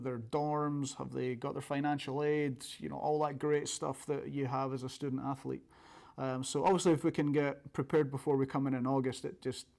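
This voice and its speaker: A man's voice: medium pitch, vocal fry, darkish tone. A man with a thick Scottish accent giving informal interview answers as a college soccer coach.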